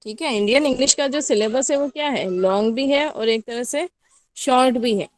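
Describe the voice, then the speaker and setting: A woman's voice: sits high, normal speed, no room sound. A woman with an Indian accent, a college teacher giving a classroom lecture and often asking her students questions. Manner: explains in mixed Hindi and English, asks the class questions.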